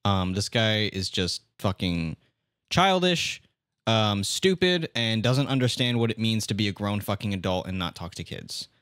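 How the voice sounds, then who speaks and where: A man's voice: lowish voice, lively intonation, unhurried, a bit bright, dry recording, studio quality. A young man streaming, reacting to a video in casual commentary, exasperated and swearing as he rants.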